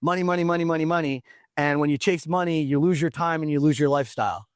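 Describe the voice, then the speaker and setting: A man's voice: a little high, fast talker, no room sound, studio quality. A man from Canada, a podcast guest, telling stories with emotion and acting out what people said. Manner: animated, emotional storytelling, acts out quotes. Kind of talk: casual podcast conversation.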